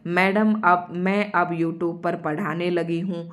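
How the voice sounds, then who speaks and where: A woman teaching a Hindi grammar lesson to her students online. She explains each term step by step and repeats her example sentences slowly, speaking straight to the learners. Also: lowish voice, little pitch movement. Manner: addresses students directly.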